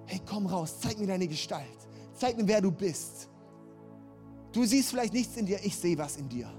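A man's voice: high-pitched, animated, normal speed, dark tone, faint music behind. A man preaching a sermon, passionate and building to emphatic, repeated calls. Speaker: pastor.

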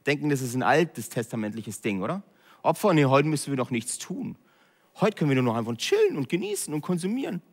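A fairly high-voiced man, blunt and direct. He drops to near-whispers and then climbs into loud, emphatic calls. His voice rings with the long reverb of a church hall. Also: very animated, fast talker. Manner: direct, swinging between hushed and loud emphatic preaching. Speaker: pastor. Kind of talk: sermon.

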